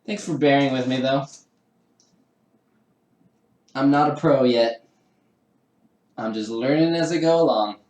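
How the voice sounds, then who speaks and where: Putting together a 3D printer kit on a live stream, this man talks loosely with his audience, often laughing at his own expense. He speaks a bit slowly in a darkish mid-range voice, leaving long pauses. He is in a home room above a garage, and it sounds echoey.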